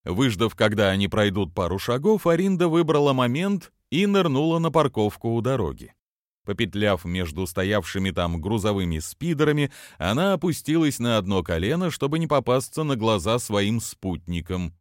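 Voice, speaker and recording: A man narrating an audiobook in an expressive storytelling reading. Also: fairly low pitch, normal speed, dry recording, clean studio sound.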